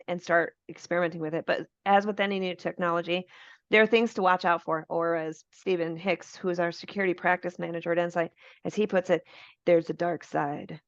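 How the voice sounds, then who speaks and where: A woman with a fairly low voice presents a business webinar and explains each feature step by step. Her tone stays friendly and informal. The audio is dry and a little dull, as if it were coming through a video call. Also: fairly bright tone, dry recording.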